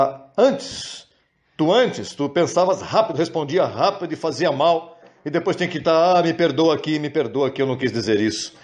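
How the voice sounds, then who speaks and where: A man preaches with real animation. His voice sits fairly high, and he stretches words out for emphasis. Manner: animated, acts out quoted prayers in high wailing voices. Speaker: pastor. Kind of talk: sermon.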